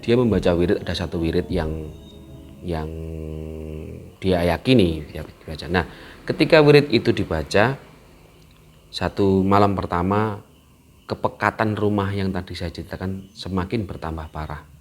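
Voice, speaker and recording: A man telling a mystery story, acting out the characters' lines with sudden loud bursts. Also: deep voice, normal speed, pauses often, a little hiss or hum. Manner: animated, acts out quotes with sudden loud bursts. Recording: music in the background.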